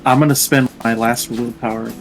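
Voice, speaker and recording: Relaxed man playing at a game table. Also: mid-range voice, normal speed, music in the background, poor audio. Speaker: player. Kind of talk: casual tabletop game chat.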